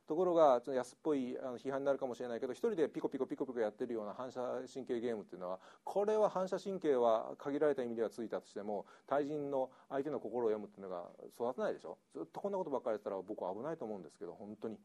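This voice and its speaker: A man's voice: medium pitch, racing, hardly any pauses. A middle-aged man, an English teacher giving a chatty lecture that is full of laughter. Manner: lively, chatty, laughs often, slips into Kansai dialect. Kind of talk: lecture to an audience.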